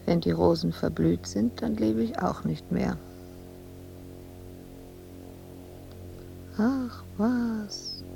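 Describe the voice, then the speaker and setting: This radio drama monologue features an actress as an obsessive, worn-out, anguished sculptor, her speech broken into halting pieces that frequently drop to breathy whispers. The voice is medium-pitched and mellow, with faint music behind it and poor audio quality. She sounds resigned and weary.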